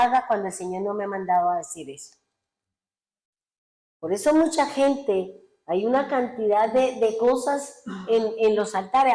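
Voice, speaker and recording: A woman's voice: on the high side, a little mellow, reverberant, low-quality recording. A woman pastor, preaching a sermon in an earnest, exhorting way.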